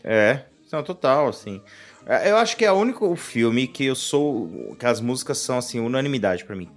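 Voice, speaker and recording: A man's voice: mid-range voice, big pitch swings, normal speed. A man with a Brazilian Portuguese accent, co-hosting a casual film chat in an informal, slangy way, enthusiastic and emphatic, often repeating himself for stress. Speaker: podcast co-host. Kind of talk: casual chat about films.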